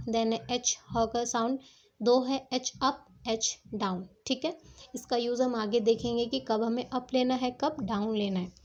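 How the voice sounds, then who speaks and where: Woman, shorthand teacher, patient, step-by-step, slightly high voice. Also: darkish tone, highs cut off. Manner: patient, repeats "ठीक है" to check understanding. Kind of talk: step-by-step classroom explanation.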